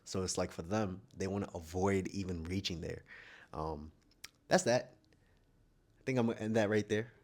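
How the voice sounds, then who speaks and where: A man's voice: low voice, normal speed, pauses often, darkish tone. A man talking frankly and thinking aloud in a casual vlog monologue, with plenty of restarts. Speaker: vlogger.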